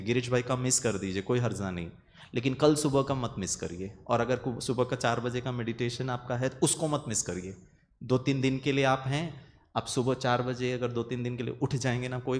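A man's voice: medium pitch, slight background noise. A man giving an earnest motivational talk on meditation and the mind to an audience. He often repeats phrases and slips English words into his speech. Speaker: meditation speaker.

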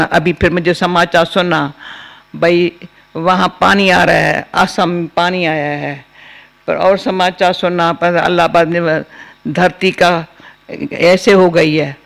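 An older woman giving a spiritual discourse, telling personal stories in a slow, homely way. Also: fairly low pitch, creaky. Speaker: spiritual teacher.

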